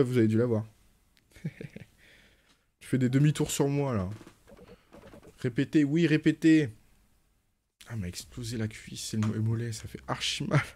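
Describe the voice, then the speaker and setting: A man's voice: mid-range voice, warm tone, a little hiss or hum. French man streaming a game at home. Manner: reads game lines in playful put-on voices, chats with viewers. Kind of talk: live game stream, reading dialogue aloud. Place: home, with cats nearby.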